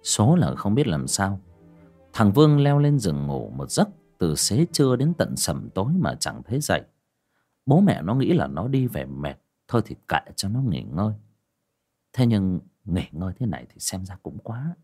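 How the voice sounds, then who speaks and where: A man reading a horror tale aloud with a lively, rising and falling delivery. His voice is low-set and husky, with expressive storytelling. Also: moderate pace, faint music behind. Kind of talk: audiobook horror story narration.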